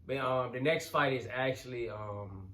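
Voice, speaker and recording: A man's voice: mid-range voice, normal speed, sharp tone. Man, co-host, laid-back, repeats words, casual chat. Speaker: co-host of a wrestling reaction channel.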